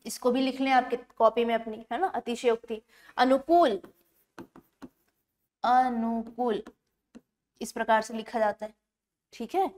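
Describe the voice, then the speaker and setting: A woman teaching an exam-prep grammar lesson, explaining step by step and slowing down to spell words out syllable by syllable. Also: a little high, flat delivery, a little mellow. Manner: explains step by step, often checks in with the class.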